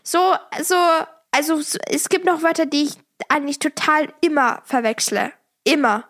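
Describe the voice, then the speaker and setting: A woman's voice: sits high, lively intonation, normal speed, a bit bright. A young woman chatting casually with her parents on a podcast, teasing and hesitating with many restarts. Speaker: podcast co-host, daughter. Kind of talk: casual family chat.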